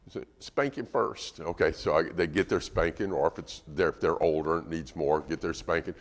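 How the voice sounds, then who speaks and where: A man's voice: rumbling low, brisk. A middle-aged man preaching a sermon in a conversational way, sometimes acting out what parents and children say. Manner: conversational, acts out quoted parents and children in lively bursts.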